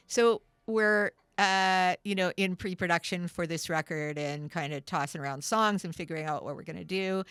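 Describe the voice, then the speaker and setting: Middle-aged woman, low voice, dry close sound, loose chatty storyteller. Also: normal speed, few pauses, a bit bright, clear, resonant tone, no room sound. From Canada. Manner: rambling storyteller, lots of fillers and restarts. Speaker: guest musician and writer. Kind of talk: casual studio interview. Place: radio studio.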